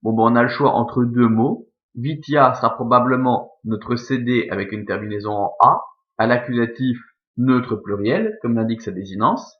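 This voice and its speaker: A man teaches Latin grammar at an even, middle pitch, walking through each point slowly and often stopping to correct himself. His speech is full of hesitations and fillers. The recording sounds a little muffled and lo-fi. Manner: explains step by step with many fillers and self-corrections. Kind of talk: recorded classroom lesson.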